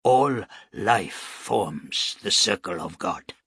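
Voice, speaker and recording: A calm, devout shipbuilder speaks in a hushed, low voice, as a male narrator plays him. His words come slowly and with a slight huskiness. The sound is close and dry. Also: slightly rough, no echo, full character voice. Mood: soft, reverent. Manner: soft, quiet and measured.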